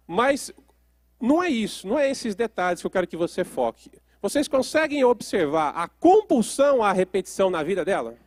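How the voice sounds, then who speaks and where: A high-pitched man gives a lecture as a therapist, often turning to the audience with questions. The sound is dry and close, with no room echo.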